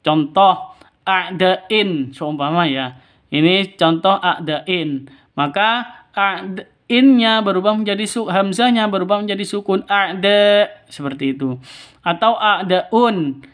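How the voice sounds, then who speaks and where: A man's voice: high voice, lively intonation, a little slow, fairly bright tone. A man teaching Quran reading rules step by step, patient, repeating each rule twice. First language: Indonesian. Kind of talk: step-by-step recitation lesson.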